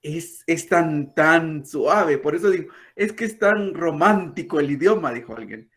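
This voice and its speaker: A man, a language teacher patiently explaining and softly demonstrating throaty sounds. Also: on the high side, expressive, unhurried. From Guatemala. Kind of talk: explanatory talk.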